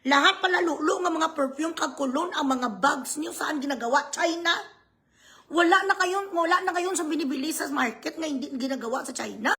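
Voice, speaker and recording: A woman's voice: high voice, a little fast, bright, forceful tone. A woman ranting in a vlog, mocking and sarcastic, swearing freely. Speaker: vlogger.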